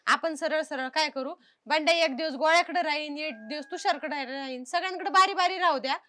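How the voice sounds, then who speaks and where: Woman, high voice, bright tone, calming the group. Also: fairly quick. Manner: soothing, takes charge of the group. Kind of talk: comedy sketch acting.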